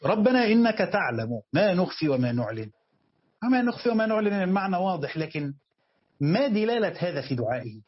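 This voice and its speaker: Husky Egyptian sheikh teaching fast. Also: male voice, a little high, dull audio. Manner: questions students, reads text slowly, then explains quickly in dialect. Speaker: sheikh teaching Quran commentary. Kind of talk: classroom lesson.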